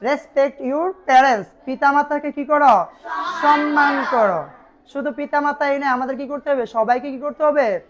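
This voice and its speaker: A woman with a Bangladeshi accent teaching an English grammar lesson in a classroom. She asks questions and answers them herself, and reads English examples slowly before translating them. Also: high-pitched, background noise. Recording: dull lo-fi sound.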